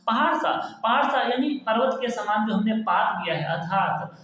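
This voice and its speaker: Male literature teacher, high voice, patient line-by-line explainer, very roomy echo. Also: expressive, moderate pace, fairly bright tone. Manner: glosses word meanings patiently, repeating phrases. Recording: very echoey room.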